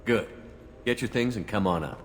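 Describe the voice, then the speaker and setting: A man playing a steadfast military commander in a video game cutscene, calm and wry with a plain, understated delivery. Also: fairly low pitch, normal speed, slight background noise, lightly acted. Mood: playful, flirting. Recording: long hall reverb, music behind.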